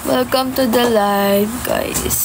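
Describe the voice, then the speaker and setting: A woman's voice: fairly high pitch, steady tone, takes it slowly, background noise. A young woman chatting casually on a phone livestream, greeting viewers by name and mixing in English. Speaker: idol livestreamer. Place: home, early morning.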